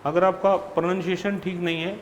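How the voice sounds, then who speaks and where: A man's voice: high-pitched, flat delivery, dull audio, slight background noise. A man teaching a shorthand class, patiently reading practice words out one at a time. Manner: reads out word lists one by one, patient and deliberate.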